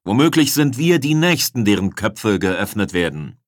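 A man voicing a desperate male rebel commander who shouts urgent commands to rally his troops in an audiobook. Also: fairly low pitch, big pitch swings, normal speed, no echo, clean studio sound. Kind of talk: audiobook character voice.

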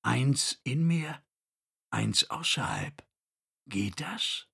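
A man's voice: medium pitch, animated, very slow, creaky, fairly bright tone, slightly rough, heavily acted. A male narrator voicing a worn-out, stubborn man with a scratchy voice, in an audiobook. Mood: dazed. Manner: defiant.

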